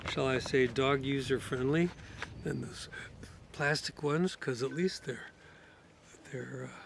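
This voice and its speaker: A sick, coughing man rambling casually outdoors in his garden for his vlog, his voice going hoarse. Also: medium pitch, slow pace, noisy background. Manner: rambling, many fillers and restarts. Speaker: garden vlogger.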